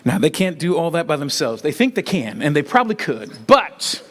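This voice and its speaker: Man emceeing school awards, higher voice, lively pitch, board meeting setting. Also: a little fast. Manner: animated, reads long name lists with filler words. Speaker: school district presenter.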